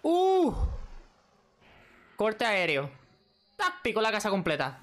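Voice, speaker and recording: Guy reacting to anime, voice jumps all over the place, takes his time, yells at the screen. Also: fairly high pitch, measured pace. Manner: excitable, exclaims and teases the characters on screen. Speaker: anime reaction channel host. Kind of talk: casual reaction commentary.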